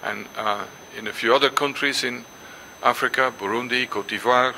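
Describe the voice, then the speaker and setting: The low-quality recording catches an older native Dutch speaker lecturing at a symposium in a lecture hall, with slight background noise. Medium in pitch and sharp in tone, he's hesitant, full of ums and restarts, and reads passages aloud.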